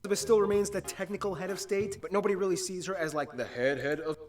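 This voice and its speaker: A man presenting an upbeat educational video in a brisk, playful, quipping manner. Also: high voice. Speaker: documentary presenter. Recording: distant clip playing under music.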